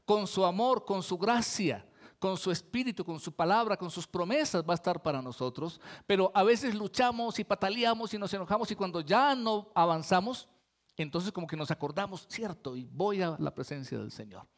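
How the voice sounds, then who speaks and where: A man with a rather high voice delivers a sermon to his congregation. He talks in a relaxed, conversational way, tossing frequent rhetorical questions to the listeners between his points. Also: normal speed. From Colombia. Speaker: pastor.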